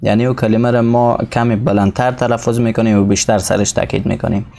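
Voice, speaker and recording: Gravelly man teaching English slowly. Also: lowish voice, steady tone, warm tone. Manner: reads English slowly, explains in Dari. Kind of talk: recorded textbook lesson.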